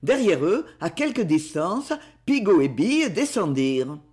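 A man reading a novel aloud as narrator in an expressive, theatrical way. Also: high voice, a little slow. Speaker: audiobook reader. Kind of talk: scripted narration.

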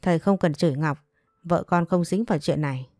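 Woman reading a nasty arrogant young husband in a story, spiteful and sneering, low mellow voice. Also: fairly quick, no echo, clean studio sound, soft background music. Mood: defiant. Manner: contemptuous, spiteful.

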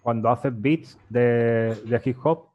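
A man casually walking through his music software setup, explaining step by step, with frequent fillers and restarts. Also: medium pitch, slow, dull audio. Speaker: guest music producer. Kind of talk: casual demo walkthrough.

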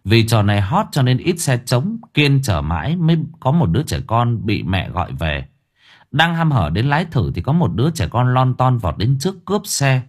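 A man narrating an audiobook story in a lively, animated way. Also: mid-range voice, moderate pace.

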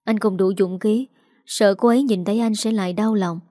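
A woman's voice: mid-range voice, steady tone, moderate pace, warm tone, no room sound, studio quality, lightly acted. A woman voicing a guilty young husband. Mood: hesitant.

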